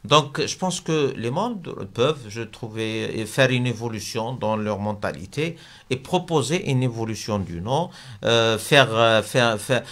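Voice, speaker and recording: An Algerian business leader appears as a guest in a debate interview, speaking haltingly with many fillers and restarts. His voice is at an everyday male pitch, expressive and fairly bright.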